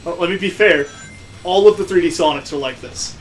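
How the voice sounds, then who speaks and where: Playing a video game with music in the background, this co-host makes casual, sarcastic comments. He has a high voice and speaks fairly quickly.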